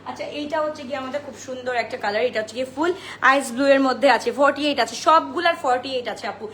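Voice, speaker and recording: This online clothing seller from Bangladesh is a young woman pitching on a live stream, talking to her viewers in a mix that includes English and rattling through sizes in a lilting list. She speaks rapid-fire in a high, fairly bright voice, recorded in an echoey room with faint background noise.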